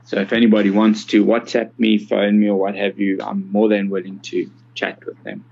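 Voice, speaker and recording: Speaking as an interview guest, this man in his sixties from South Africa, an accessibility consultant, lays things out in a steady, conversational way. His lowish voice is gravelly, a little mellow and monotone, in a somewhat muffled, dull recording.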